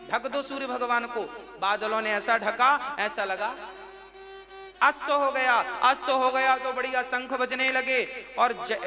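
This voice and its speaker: High-voiced male preacher telling a story. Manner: animated storyteller who voices characters' lines. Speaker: spiritual preacher. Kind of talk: devotional storytelling sermon. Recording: music playing behind the voice.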